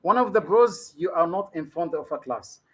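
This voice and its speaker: His voice is slightly high, a bit bright and husky, with expressive delivery at an ordinary speed. He's an Egyptian native Arabic speaker with an Egyptian accent, appearing as a guest trainer in an informal live interview, talkative and easy to laugh, forever adding "you see."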